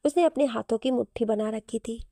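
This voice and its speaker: A woman's voice: on the high side, a little fast, warm tone, no room sound, studio quality. A woman storyteller reading a romantic story aloud in scripted narration.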